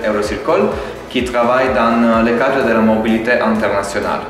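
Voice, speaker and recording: A man giving a relaxed, upbeat testimony about volunteering. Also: medium pitch, a little fast. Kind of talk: casual video testimony. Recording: very echoey hall with music behind.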